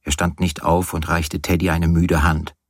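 A man narrating a literary audiobook in a calm, measured way. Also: sits low, no echo, clean studio sound.

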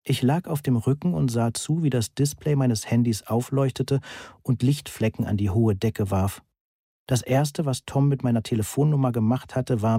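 Ein Mann liest ein Hörbuch in der Ich-Form, trocken und genau erzählt. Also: male voice, mid-range voice, warm tone, slightly rough, no echo, studio quality. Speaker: audiobook narrator. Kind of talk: first-person audiobook narration.

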